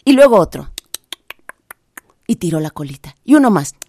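A woman with a Mexican accent telling a folk tale in a lively, expressive way with dramatic pauses. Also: on the low side, a little hiss or hum. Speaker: storyteller.

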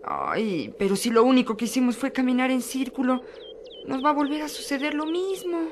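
A woman playing an expressive, worried hiker lost in the woods in a children's audio drama. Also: high-pitched, normal speed, background noise.

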